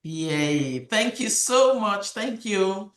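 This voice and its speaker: A man moderating an online panel, upbeat and quick to give thanks over a video call. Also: high-pitched, expressive. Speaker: webinar moderator. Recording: roomy echoey sound.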